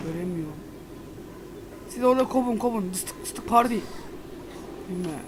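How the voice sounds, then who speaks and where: A man's voice: high-pitched, normal speed, background noise. A man playing a horror game and commenting casually, jumpy and panicky, swearing a lot and yelping when he gets scared. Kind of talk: casual let's-play commentary.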